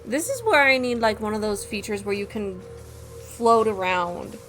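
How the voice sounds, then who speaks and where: Excitable woman streaming a game. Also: medium pitch, moderate pace, low-quality recording. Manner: excitable, laughs often, thinks aloud. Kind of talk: casual gameplay commentary. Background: game music.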